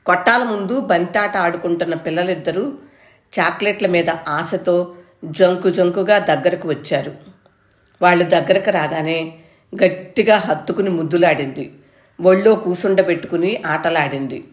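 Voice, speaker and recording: A woman narrating a short story in a measured, expressive way, her voice on the lower side. The recording has a noticeable roomy echo around her reading.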